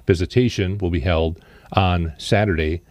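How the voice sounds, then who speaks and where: A man reading scripted funeral notices as a radio announcer, formal, measured and deliberate. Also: deep voice, darkish tone, dry recording.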